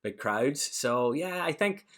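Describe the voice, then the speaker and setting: A young Irish man chatting easily as a podcast guest, relaxed and quick to laugh. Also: medium pitch. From Ireland. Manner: relaxed, easygoing, laughs often. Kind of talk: casual interview chat.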